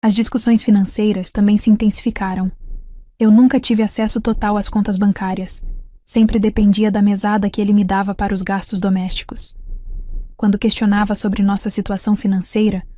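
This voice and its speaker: A woman telling a sad first-person life story in a somber, measured scripted narration. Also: medium pitch, level tone, mellow, no echo.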